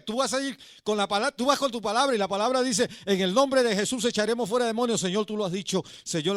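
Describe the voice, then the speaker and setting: A male pastor preaching a sermon. He tells a story with passion, swinging between loud and hushed, and calls his listeners brother. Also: sits high, no echo, clean studio sound.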